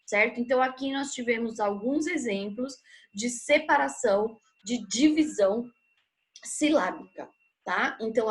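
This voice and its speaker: A woman teaching a grammar lesson, patiently explaining and checking in with short tag questions. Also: a little high.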